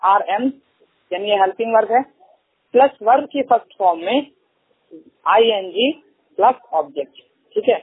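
Man, English teacher, high voice, very husky, step-by-step grammar lesson, tinny phone line. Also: no room sound. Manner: explains step by step, often checks with "okay".

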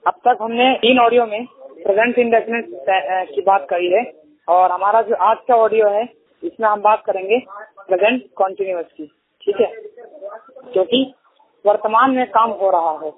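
A man's voice: high-pitched, normal speed. A man giving a spoken grammar lesson as an English teacher, explaining step by step and often checking in with "okay". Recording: tinny phone line, dry.

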